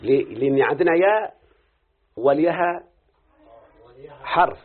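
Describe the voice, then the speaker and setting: Through a tinny, lo-fi phone-style recording, an Egyptian-accented man leads a live lesson on Quranic readings and Arabic grammar. His voice sits on the high side and is expressive, and he explains quickly while checking with questions that his student is keeping up.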